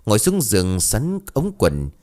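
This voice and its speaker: A man narrating a ghost story in a lively, dramatic way. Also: on the low side, unhurried.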